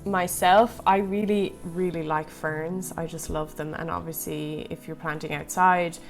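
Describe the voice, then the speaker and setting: This young Irish woman, whose accent carries a slight American tinge, has a deep voice with fairly even intonation and an unhurried pace. As a plant vlogger, she repots while rambling casually through viewer questions, laughing lightly and leaning on fillers. Soft music plays in the background.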